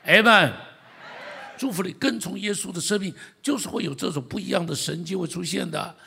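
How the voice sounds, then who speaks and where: Taiwanese Mandarin-accented male pastor, gravelly voice, animated sermon delivery that keeps questioning the crowd. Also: sits high, quick pace. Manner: animated preaching, asking the congregation questions.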